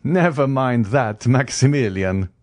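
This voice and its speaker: A man's voice: medium pitch, very animated, measured pace, darkish tone, no room sound, studio quality, pitched above the performer's own voice. A man voicing a genial, worldly Count with courtly, formal phrasing and a hint of melancholy, in a classic novel audiobook.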